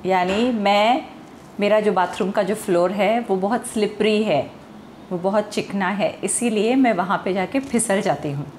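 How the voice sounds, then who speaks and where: Indian woman pronunciation teacher, measured and patient pace, poses questions to the listener. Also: mid-range voice, darkish tone, slight background noise. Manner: slow, deliberate explaining, quizzing the viewer. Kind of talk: Hindi-language pronunciation lesson.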